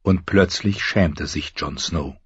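A man reading an audiobook in a low, measured narrating voice, close to the mic. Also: slightly rough, dry recording. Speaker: audiobook reader. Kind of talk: scripted narration. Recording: slightly dull recording.

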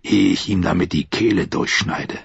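A man voicing a resentful young man who mutters with quiet menace. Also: moderate pace, vocal fry, slightly rough, no room sound, heavily acted. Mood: bitter. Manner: low, muttering, grudging. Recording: dull, muffled audio.

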